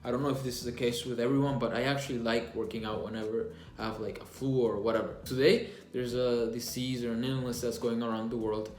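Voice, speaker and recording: A man's voice: medium pitch, flat delivery, fast talker, hardly any pauses. A young man gives a casual, earnest book review, restarting phrases now and then as he reflects. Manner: earnest, plainspoken, with frequent restarts and self-reflection. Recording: echoey room with faint music underneath.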